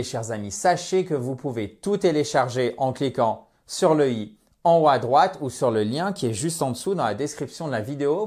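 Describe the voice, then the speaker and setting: Slow, deliberate English teacher. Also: medium pitch, a little mellow. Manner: repeats example words and insists on pronunciation; addresses viewers directly with frequent "ok?". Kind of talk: grammar lesson for beginners.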